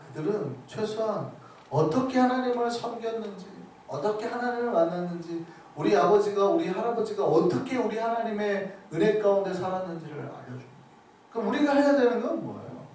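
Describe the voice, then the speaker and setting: High, lively male preacher in an echoing hall. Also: a little hiss or hum. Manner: preaches with rhetorical questions to the congregation. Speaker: pastor. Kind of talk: sermon. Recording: very echoey hall, voice from a distance.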